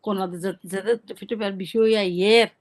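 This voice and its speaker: A native Rohingya-speaking woman in an interview gives a conversational eyewitness account, often repeating her words. Her voice is mid-range with fairly even intonation, and she's a fast talker.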